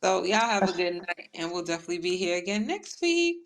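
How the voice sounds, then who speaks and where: Female podcast co-host, low voice, easygoing chat full of fillers. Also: a little fast. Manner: relaxed, trailing off with fillers. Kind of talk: casual chat.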